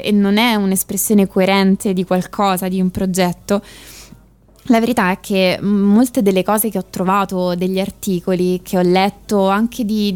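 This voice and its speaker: A woman hosting a radio podcast, speaking in a thoughtful, measured way with some hesitant restarts as she comments and reads aloud. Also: medium pitch, a little mellow, smooth. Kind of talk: reflective radio commentary and reading.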